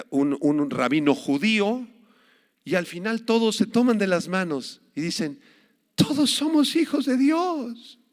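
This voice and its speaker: A male pastor preaching a sermon emphatically, with dramatic swings in loudness, recorded in a reverberant hall. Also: fairly high pitch, smooth.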